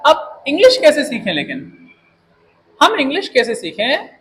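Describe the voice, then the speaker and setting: A young man with a Hindi accent teaching an English class, animated and jokey, often asking rhetorical questions. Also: very high-pitched, moderate pace, rough recording. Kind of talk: classroom lecture. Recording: faint background noise.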